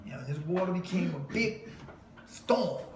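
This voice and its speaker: A man's voice: high voice, animated, unhurried. A man delivering an emphatic preaching monologue to a listener, quoting scripture and laughing mockingly. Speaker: self-styled preacher. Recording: echoey room with faint noise.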